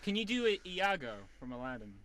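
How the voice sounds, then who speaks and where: A man's voice: sits high, big pitch swings, fairly quick, a bit bright, slight background noise. A man teasing the others with dry jokes in casual radio banter. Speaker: guest co-host.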